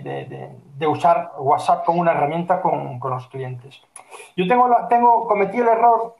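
A man's voice: a little high, muffled recording. A man co-hosting a casual online chat, joking and self-mocking as he tells work stories over a video call. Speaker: co-host; freelancer. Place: room in Vigo. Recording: roomy echo, faint background hum.

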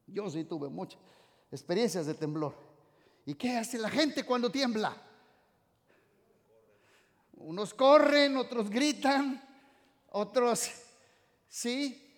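A Mexican-born man preaches with a high, ringing voice that lingers in the hall's long reverb. He shifts from loud exclaiming to soft, drawn-out words. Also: animated. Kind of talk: sermon. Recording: reverberant hall sound.

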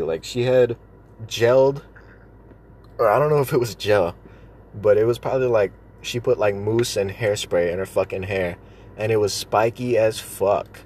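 A man's voice: lowish voice, a little mellow. A man rambling through stories in a casual, joking, sweary way, talking with chewing tobacco in his mouth.

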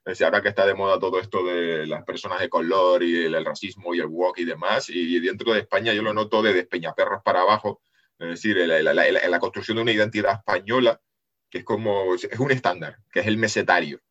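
In a casual podcast chat, a man with a Canarian Spanish accent, a geopolitics analyst from the Canary Islands, tells stories and repeats words as he goes. His voice sits low but has a fairly bright tone, moves at a quick pace, and the recording's highs are cut off.

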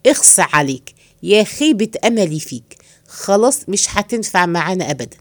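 A woman with an Egyptian accent voicing a scheming, henpecked middle-aged man who plots in hushed tones. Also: big pitch swings, a little fast, dry recording, natural voice. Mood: indignant. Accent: Egyptian Arabic. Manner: low hushed plotting tone.

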